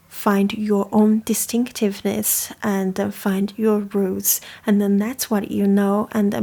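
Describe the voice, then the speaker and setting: This young woman from China, a native Chinese speaker, has a dark-toned, mid-range voice. As host of a coffee chat, she talks in a relaxed, thoughtful manner.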